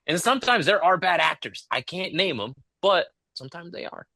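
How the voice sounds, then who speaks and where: A man's voice: high-pitched, animated, a little fast, sharp tone, no echo. A man co-hosting a podcast, talking bluntly in casual chat and swearing freely. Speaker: podcast co-host.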